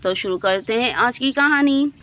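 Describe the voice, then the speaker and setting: A woman's voice: on the high side, moderate pace, fairly bright tone, a little hiss or hum. A woman narrating a moral story for children in a friendly, plain storytelling voice. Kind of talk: scripted narration.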